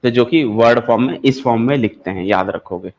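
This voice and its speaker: A man's voice: medium pitch, fairly quick, a little mellow. A man teaching maths for exam preparation, explaining step by step and asking his students questions before he answers them. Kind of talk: classroom lecture for exam prep.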